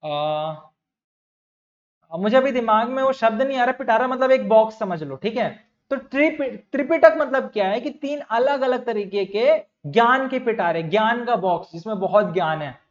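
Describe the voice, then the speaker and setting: High-voiced young male teacher, dull recording. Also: lively intonation, moderate pace. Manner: explains by repeating key words and asking the class questions; addresses students as bhaiya and bachcha. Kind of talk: exam-prep lecture. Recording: dull lo-fi sound.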